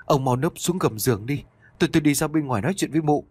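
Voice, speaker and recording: A male storyteller voicing a frightened but stubborn middle-aged woman who talks fast and snaps back. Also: on the high side, animated, a little mellow, slightly rough, dry recording, voice pushed up. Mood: defiant. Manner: panicky, fast and defiant.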